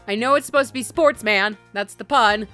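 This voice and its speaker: A woman streaming a game with casual, expressive, giggly and sweary live commentary. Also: fairly high pitch, a little fast, faint music behind.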